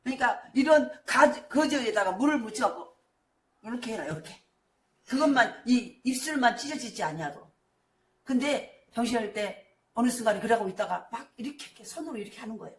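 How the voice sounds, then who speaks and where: A middle-aged woman pastor preaching a sermon, moving between hushed storytelling and shouted declarations. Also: a little high, expressive, fairly quick. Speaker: senior pastor. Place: church sanctuary. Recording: echoey church hall.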